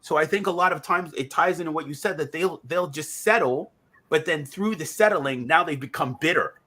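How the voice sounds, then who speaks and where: A man hosts a relationship talk show in a bright, forward voice with a husky edge. He talks things through in a reflective way and leans on hypothetical examples. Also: fairly high pitch, brisk. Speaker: podcast host. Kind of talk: casual conversation.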